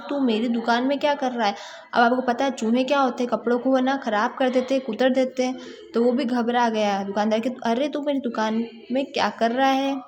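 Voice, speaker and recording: Hindi teacher reading a story to pupils. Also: female voice, sits high. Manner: rereads each line then explains it with questions to pupils. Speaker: schoolteacher. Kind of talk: reading and explaining a children's story.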